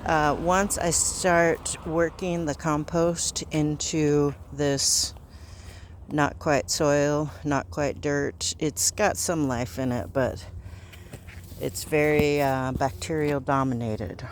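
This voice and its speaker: A man talks casually as he films outdoors. His voice sits a bit high and he speaks at an unhurried pace, often pausing to think aloud. Light outdoor noise surrounds him. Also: fairly even intonation. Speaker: gardening vlogger. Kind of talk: casual vlog narration. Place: outdoors in a backyard garden.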